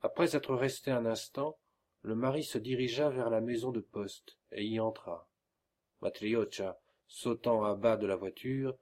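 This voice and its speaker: A man's voice: lowish voice, a little mellow. A man reading a classic novella aloud as an audiobook, voicing the characters lightly in his own voice. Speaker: audiobook reader. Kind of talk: scripted narration of a classic novella.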